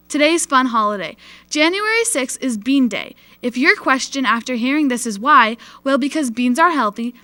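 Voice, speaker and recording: A young American female student anchors school morning announcements, reading from a script. Her voice is bright and fairly high. The sound is dry, with faint music behind. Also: dry recording.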